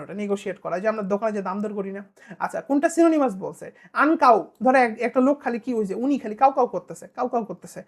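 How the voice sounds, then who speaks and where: Here a fairly high-pitched woman with a Bangladeshi Bengali accent drills exam-prep vocabulary, using memory tricks and playful repetition to quiz whoever is listening.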